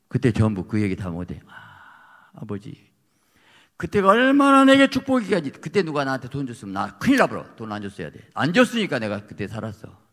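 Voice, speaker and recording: A man preaching a fiery sermon as pastor, emphatic, swinging from quiet asides to shouted peaks. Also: medium pitch. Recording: long reverb of a church hall.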